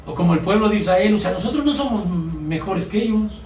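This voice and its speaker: A man's voice: high voice, animated, a little fast, darkish tone, a little hiss or hum. A man preaching a sermon as pastor, asking his congregation questions and mimicking complainers in a whiny voice. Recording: echoey room, distant mic, faint ambience.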